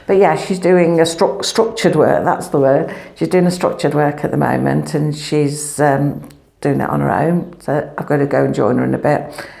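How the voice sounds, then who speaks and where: A woman's voice: low-pitched, fairly even intonation, normal speed, gravelly, mellow. A woman, rambling chattily in a casual family vlog, her voice echoing in an empty room at home through a clip-on microphone. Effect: echoey empty room. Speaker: family vlogger.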